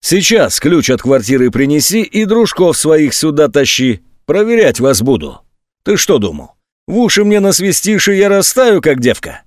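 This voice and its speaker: A man's voice: a little high, very animated, moderate pace, dry recording, studio quality, pitched above the performer's own voice. A man voicing a menacing, drunk adult male burglar who snarls coarse threats. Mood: threatening.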